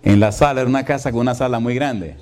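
Emphatic pastor preaching a story. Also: male voice, medium pitch, fast, a little mellow. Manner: emphatic preaching, rhetorical questions to the congregation; acts out dialogue when telling a story. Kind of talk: storytelling sermon.

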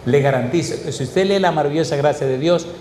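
Guy preaching, asks the crowd questions back to back, warm low tone, big roomy echo. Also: a little hiss or hum. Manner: emphatic, call-and-response questions to the congregation; sweeping pitch swings and slow stressed phrases. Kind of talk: sermon. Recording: echoey hall with reverb.

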